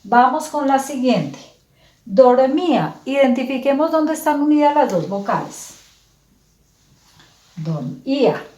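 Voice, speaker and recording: A woman teacher explaining grammar slowly and patiently, spelling out words syllable by syllable. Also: sits high, animated, mellow, reverberant. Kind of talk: slow, clear classroom explanation.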